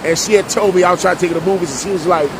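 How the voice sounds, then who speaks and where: A middle-aged man from Jersey City, telling his life story in a casual vlog monologue, full of street slang and repetition. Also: very fast. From Jersey City, New Jersey. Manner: streetwise slang, repeats himself for emphasis. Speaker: vlogger and preacher. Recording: loud rumbling noise behind voice.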